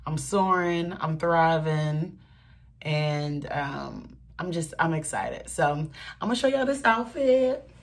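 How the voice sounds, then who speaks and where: A young woman talking earnestly in a casual get-ready-with-me vlog, with many pauses and fillers. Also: low voice, expressive. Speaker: vlogger.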